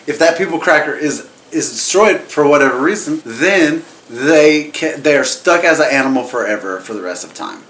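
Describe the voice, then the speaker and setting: Man, tipsy and rambling, casual comedic reviewer, sweary mock exasperation, medium pitch, roomy echo, faint noise. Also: fairly bright tone. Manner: tipsy, rambling, stumbling delivery. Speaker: host of a comedic drunk movie review show. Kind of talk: casual comedic movie recap. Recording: echoey room with faint background noise.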